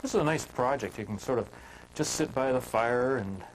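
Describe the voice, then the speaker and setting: A man teaching woodcarving in a relaxed, homespun storytelling manner, chatting with filler words as he works. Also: medium pitch, normal speed, slight background noise, low-quality recording. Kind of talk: folksy storytelling while demonstrating carving.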